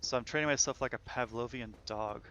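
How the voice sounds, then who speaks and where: Bright, gravelly male game streamer. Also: medium pitch, a little fast, highs cut off, slight background noise. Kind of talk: casual gaming chat.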